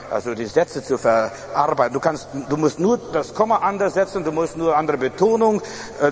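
A male pastor preaches a sermon emphatically, with frequent fillers and restarts. His voice is on the high side, with slight background noise, and the recording has a reverberant hall sound and faint ambience.

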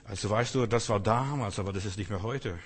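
A male preacher giving a sermon. He speaks emphatically and repeats himself, swinging between loud calls and quiet asides. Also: lowish voice, brisk, slightly rough, big-room sound.

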